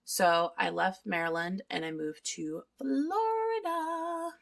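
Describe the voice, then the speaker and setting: A woman's voice: mid-range voice, expressive, slow, gravelly. A thirty-year-old woman vlogging in a chatty, candid way, swearing freely and eating while she talks at home. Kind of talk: casual confessional vlog.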